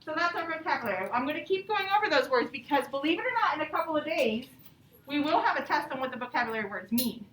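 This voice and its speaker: Fast-talking and lively in her intonation, a high-voiced woman plays an elementary teacher guiding young children through a lesson and storybook, regularly asking questions to keep them engaged. Her voice is a bit bright, heard from slightly far off in a roomy space with faint background noise.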